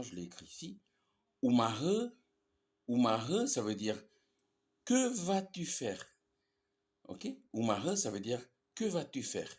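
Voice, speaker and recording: A medium-pitched man gives a language lesson, patiently explaining grammar. He repeats each example and keeps checking in with "ok?"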